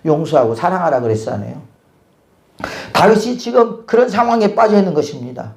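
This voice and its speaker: High gravelly voice of a preaching man. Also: sing-song, a little fast, darkish tone. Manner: asks the congregation rhetorical questions again and again. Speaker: pastor. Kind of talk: sermon.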